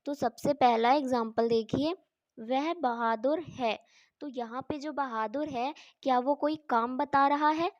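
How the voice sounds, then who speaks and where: A woman's voice: sits high, a little slow, dry recording, highs cut off. A woman teaching English grammar in Hindi, spelling words out letter by letter and asking questions she then answers herself.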